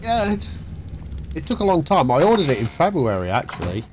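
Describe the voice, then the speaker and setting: A man's voice: medium pitch, very animated, fast, slight background noise. A man chatting casually to viewers while playing on a live stream from his home setup. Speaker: game streamer. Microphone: desk mic through a mixer.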